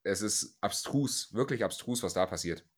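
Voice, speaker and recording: A man's voice: on the low side, moderate pace, breathy edge. A man hosting a casual sports podcast, talking through the news in a conversational, explanatory way. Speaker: podcast host. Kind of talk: casual chat.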